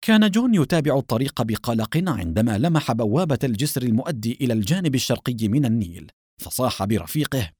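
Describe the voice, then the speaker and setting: Husky man narrating an adventure story. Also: mid-range voice, sing-song, quick pace, darkish tone, dry recording, clean studio sound. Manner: dramatic storytelling. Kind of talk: scripted children's adventure narration.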